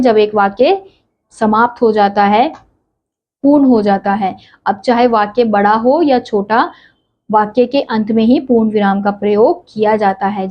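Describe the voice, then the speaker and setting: A woman's voice: medium pitch, lo-fi sound. A woman teacher giving a classroom lesson, patiently explaining step by step and asking questions she then answers herself.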